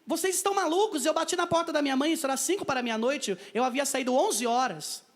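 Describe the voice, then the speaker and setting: A man's voice: very high voice, fast. A man with a Brazilian accent giving a personal testimony in a parish church, telling his story vividly and acting out the dialogue.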